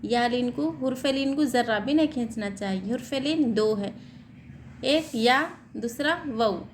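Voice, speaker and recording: A woman's voice: on the high side, slight background noise. Woman teaching Quran reading rules. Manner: explains rules, then spells and recites slowly; asks questions and answers them herself. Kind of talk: step-by-step recitation lesson.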